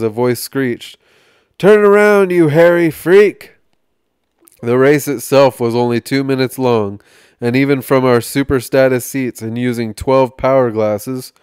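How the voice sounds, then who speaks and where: A man hosting a podcast, reading a magazine article aloud in a measured way, with small slips and restarts. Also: medium pitch, a little mellow, clean tone, no echo, clean studio sound.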